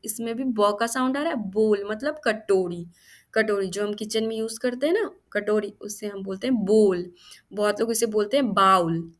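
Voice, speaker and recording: A young woman teaching English phonics, slowly repeating each word and explaining its meaning. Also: medium pitch, fairly bright tone. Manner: slow, repeats each word several times, gives meanings.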